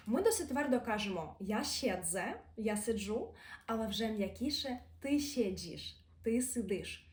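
A woman teaching a grammar lesson, reading example words slowly and carefully. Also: mid-range voice, darkish tone. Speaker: language teacher. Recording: echoey room.

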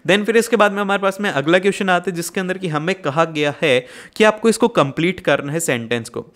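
A man teaching an exam prep lesson to students. He explains in Hindi mixed with English terms and reads answer passages aloud slowly. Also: high voice, a bit bright. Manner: addresses students directly, asks for comments.

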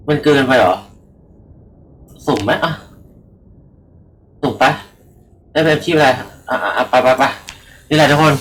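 A man's voice: mid-range voice, fairly bright tone, a little hiss or hum, poor audio. A young man giving rambling, casual let's-play commentary into a computer microphone, swearing freely and talking to his viewers. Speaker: gaming channel host.

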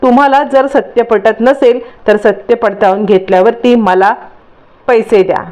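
A woman's voice: fairly high pitch, fairly even intonation, moderate pace, darkish tone, highs cut off, close to an everyday voice. Woman reading a greedy, taunting young schemer. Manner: taunting, insistent.

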